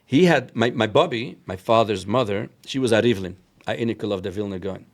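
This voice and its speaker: Low, creaky-voiced man with inflection. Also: a little fast. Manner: mixes in many Yiddish and Hebrew words. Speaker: interview guest, rabbi telling family history. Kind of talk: conversational storytelling.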